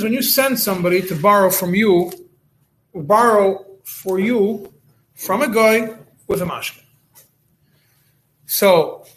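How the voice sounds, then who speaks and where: Rabbi guy a higher voice giving a shiur, words, restarts a lot as he explains. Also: fairly bright tone, a little hiss or hum, rough recording. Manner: explains step by step, with many restarts and Hebrew and Yiddish terms. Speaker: rabbi teaching a halacha class. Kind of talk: recorded Torah lesson.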